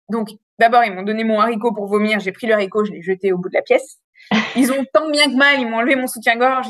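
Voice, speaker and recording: A woman in her thirties frankly telling a long personal story in a casual, animated way, with many fillers. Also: fairly high pitch, no echo, studio quality. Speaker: interview guest.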